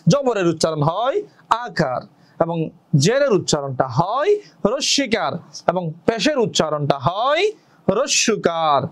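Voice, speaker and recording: Man, high-pitched voice, patient Quran reading teacher, step-by-step explanations, slow drawn-out recitation. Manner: explains step by step, asks and answers his own questions; draws out recited Arabic words slowly. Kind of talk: patient classroom lesson.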